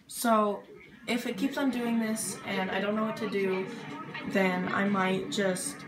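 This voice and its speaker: A woman's voice: medium pitch, steady tone, unhurried. A woman giving casual let's-play commentary, impatient, swearing and muttering to herself as she plays. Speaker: gamer. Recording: echoey room. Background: loud game music.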